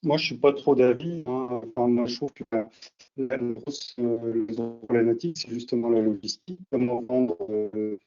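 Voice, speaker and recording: Man in an online meeting, connection choppy and breaking up, mellow hesitant delivery. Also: mid-range voice, fairly even intonation, normal speed. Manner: hesitant, many restarts. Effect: choppy, breaking-up video call connection. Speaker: meeting participant. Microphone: computer mic on a video call. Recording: dull lo-fi video call audio.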